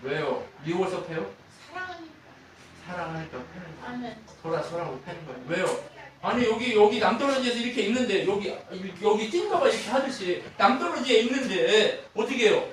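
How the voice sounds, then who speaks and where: A high-pitched, wildly animated male pastor preaching a sermon in a very echoey church, heard from a distance. He shouts exclamations, drops to quiet asides, and keeps questioning the congregation, with steady background noise behind him. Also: moderate pace. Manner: emphatic, swings from loud exclamations to soft asides. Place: church sanctuary.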